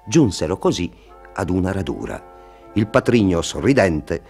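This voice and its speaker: A man narrating a fairy tale for children, expressive and talking to them directly. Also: sits low, measured pace, creaky, faint music behind. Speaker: storyteller.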